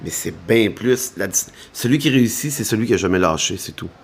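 A man's voice: fairly low pitch, expressive, brisk, breathy edge. A man with a Quebec French accent, a comedian giving frank opinions in a conversation over a meal. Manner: blunt and opinionated, emphatic. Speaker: comedian guest.

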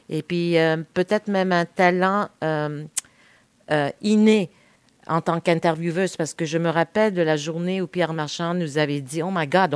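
A Quebec woman in her fifties, a native Spanish speaker and veteran TV host, appears as an interview guest and speaks candidly about her career. Her voice is low for a woman and clean, recorded dry and close without room echo. She pauses often, hesitating with "euh."

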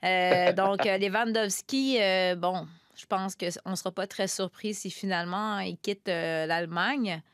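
A woman's voice: mid-range voice, steady tone, unhurried, hardly any pauses, clear, resonant tone, no echo, clean studio sound. A woman with a Quebec French accent hosting a soccer panel, playful and teasing. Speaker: host. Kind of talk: casual panel talk.

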